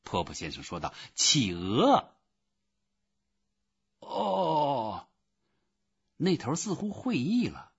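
A man narrating a children's storybook slowly and very expressively. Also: medium pitch, wildly swooping pitch, darkish tone, husky. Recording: dull lo-fi recording.

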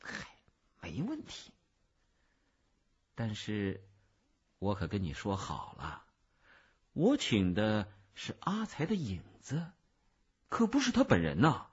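A man voicing a boastful, mischievous magical shadow in a children's story, husky and bragging. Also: fairly low pitch, huge pitch swings, slow, long pauses, highs cut off, pitched below the performer's own voice, heavily acted. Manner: bragging, loud calling.

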